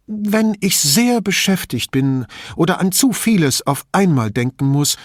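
A man voicing a frail, chatty old widow who rambles and confides in a hushed tone. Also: expressive, measured pace, no echo, studio quality. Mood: confiding. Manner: rambling, confidential, lowers voice to a whisper.

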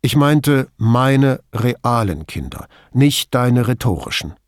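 A calm police commissioner in an audiobook, as a male narrator plays him, a little lower and softer than the narration. He answers in a quiet, measured way, holding back. The sound is dry and close. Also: dry recording. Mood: restrained.

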